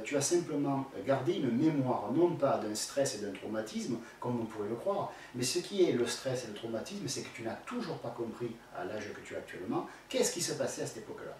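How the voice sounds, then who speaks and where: A man's voice: medium pitch, darkish tone. A man giving spoken advice to a viewer, blunt and colloquial with crude slang and many fillers, addressing the questioner directly. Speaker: spiritual teacher answering a viewer's question. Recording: very echoey room, voice far from the mic, faint background noise.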